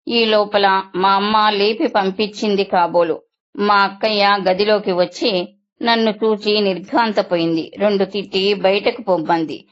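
A woman narrating a first-person story in a steady, measured reading voice. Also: mid-range voice. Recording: dull lo-fi recording.

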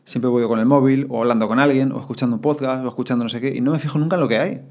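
Fast-talking Spanish man, casual podcast guest. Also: medium pitch. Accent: Spain Spanish. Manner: fast, animated, acts out inner thoughts in quotes.

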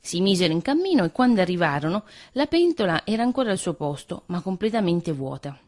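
A woman reads a fairy tale aloud in an expressive, lilting storytelling manner. Her voice sits on the low side but moves widely up and down. The delivery is steady and unhurried, made for a radio story slot.

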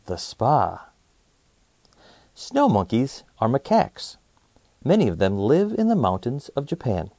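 As host, a man reads a children's nonfiction book aloud in an expressive storytelling style, enunciating clearly for young listeners. His voice is medium-pitched and the recording is dry.

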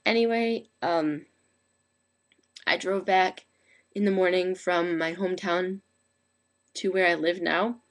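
A young woman with a low voice talks into a webcam at home, chatty and rambling, leaning on "like" and "um". She has the hiccups and keeps trying to hold them down. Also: fairly even intonation, slow pace, pauses often. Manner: chatty, rambling, frequent "like" and "um" fillers. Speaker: vlogger. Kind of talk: casual late-night webcam chat. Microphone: webcam microphone.

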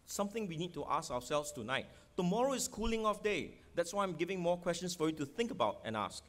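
Speaking fast with big swings in pitch, a middle-aged Singaporean-accented man campaigns for office from a podium microphone on an outdoor stadium stage. His high voice drives an emphatic election rally speech full of rhetorical questions aimed at the crowd.

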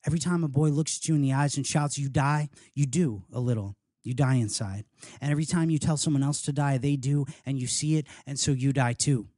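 A man reading aloud from his memoir at a live reading, in an earnest, measured and rhythmic way. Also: mid-range voice, dark tone, no echo, studio quality. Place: house reading event, indoors.

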